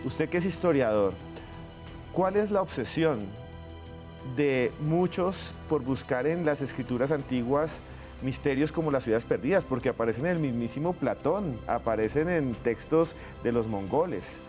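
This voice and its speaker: A man's voice: mid-range voice, lively intonation, normal speed, a little mellow, faint music behind. A man presenting as host in a dramatic documentary style, with theatrical questions. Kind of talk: dramatic scripted show introduction, documentary-like presenting.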